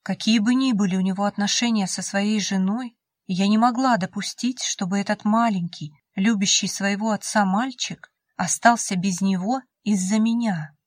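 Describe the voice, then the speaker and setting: A woman narrates a first-person novel in a soft, emotional reading voice. Her pitch sits in an ordinary middle range. The sound is dry and close, with no room around it. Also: moderate pace, no echo. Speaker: audiobook narrator.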